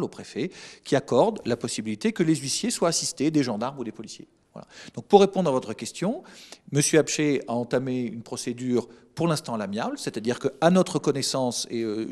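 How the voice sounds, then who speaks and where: A man speaking as a government official, giving measured, procedural explanations in a live panel debate. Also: medium pitch, a little mellow. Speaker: state official from the prefecture. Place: broadcast studio set.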